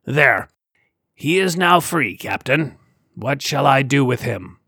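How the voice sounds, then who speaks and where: A man voicing a slow, growling male alien crewman who speaks in a halting, formal way. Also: mid-range voice, animated, gravelly, bright, forceful tone, slightly rough, no room sound, clean studio sound, pitched above the performer's own voice, full character voice. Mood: dutiful.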